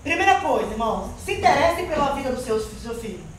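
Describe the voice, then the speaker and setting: A woman's voice: high voice, very animated, fast. A woman giving a spoken testimony to a church congregation, earnest and often calling out to the Lord and the brethren. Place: church hall. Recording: very echoey church hall, mic far off.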